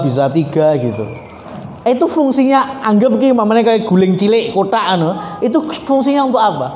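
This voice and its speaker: Man, Javanese accent, preacher, animated lecture, echoey hall, faint background hiss. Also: sits high. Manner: animated, joking, mixes in Javanese and Arabic recitation. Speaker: Islamic preacher. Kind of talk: religious study lecture.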